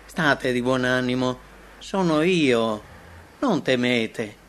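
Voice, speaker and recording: A man voicing a compassionate adult master who speaks slowly and calmly, in a dramatic audio retelling. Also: on the high side. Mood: reassuring. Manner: slow, calm, reassuring.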